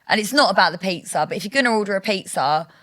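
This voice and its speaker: A woman's voice: medium pitch, lively intonation, quick pace, fairly bright tone. A woman, a podcast guest talking in a blunt, sarcastic and outspoken way. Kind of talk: casual chat.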